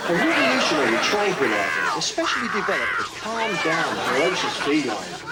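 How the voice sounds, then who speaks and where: Man as parody-advert vet: pompous salesman manner, varied intonation, distant, very noisy with crowd. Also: fairly high pitch. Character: smooth, pompous vet pitching medicine in a spoof advert. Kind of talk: spoof TV advert acting. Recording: distant noisy camcorder sound, loud audience.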